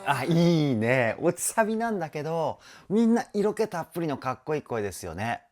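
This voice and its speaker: A man's voice: fairly high pitch, big pitch swings, fairly quick. A man working as a vocal trainer, reacting to a song with enthusiasm and explaining singing technique in casual talk. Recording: music playing in the background.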